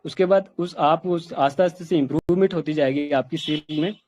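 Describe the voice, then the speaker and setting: A man's voice: on the high side, fairly quick, darkish tone. A man giving an informal spoken lesson on communication skills, talking conversationally with many fillers. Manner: conversational, repeats "ठीक" often, many fillers.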